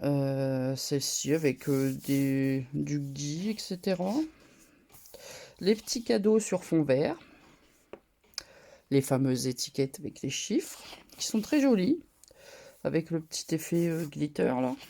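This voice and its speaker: A woman with a cold, speaking through her nose. Her voice is dark and mellow with a gravelly edge. She chats loosely and a touch loudly, full of little fillers, as she shows off her haul. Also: deep voice, animated, slow pace, pauses often. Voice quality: nasal. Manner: talks a bit loud, chatty with fillers. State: congested from a cold, nasal. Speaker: scrapbooking vlogger. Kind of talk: casual haul show-and-tell.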